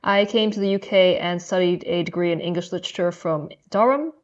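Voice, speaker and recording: In a lo-fi recording, a woman with a fairly low voice speaks a bit fast. The young adult law student from Hong Kong is guesting on a podcast for a casual interview chat, giving thoughtful but somewhat hesitant answers.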